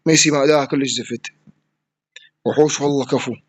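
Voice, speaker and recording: A man with an Iraqi Arabic accent giving live gameplay commentary, excitable, yelling at opponents and swearing as he plays. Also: medium pitch, a little fast. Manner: excitable, yells at opponents and swears mid-play. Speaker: gaming streamer.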